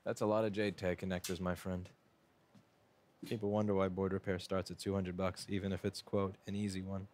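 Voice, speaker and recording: A man's voice: low-pitched, flat delivery, brisk, a little mellow, slight background noise. A man who owns a repair shop, chatting casually to a live stream while he works on a board. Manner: casual, chatty, talks to chat while working.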